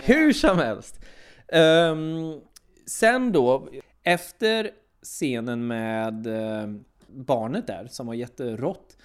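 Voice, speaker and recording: A man hosting a casual film podcast, animated, acting out film lines with many fillers. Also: mid-range voice. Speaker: podcast host.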